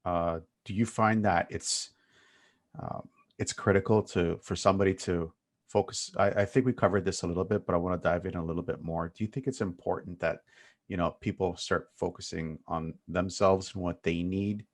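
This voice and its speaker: A man's voice: low voice, steady tone, normal speed. A man hosting an interview, asking long, curious questions. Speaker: host.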